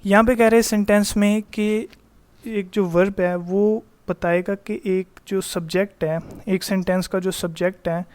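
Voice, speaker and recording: A man teaching a grammar lesson in a voice-over, explaining in Hindi mixed with English terms, reading the English examples slowly and answering his own questions in a chatty way. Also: sits high, steady tone, a little mellow, smooth. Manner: reads English example sentences slowly and deliberately.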